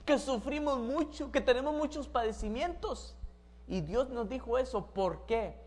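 A woman preaching a sermon, asking the audience questions and acting out everyday scenes with sound effects. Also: on the high side.

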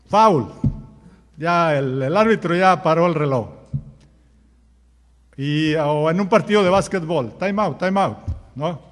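This man's high voice fills a big, echoing room as he preaches, peppering the congregation with rhetorical questions. He plays out common sayings by voicing them as quotes.

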